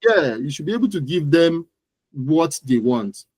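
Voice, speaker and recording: Very animated but unhurried, the man's voice is a little high, a little mellow and husky, captured in a dry recording. He has a Nigerian accent and appears as an interview guest, a digital marketing entrepreneur talking about his business and repeating phrases for emphasis.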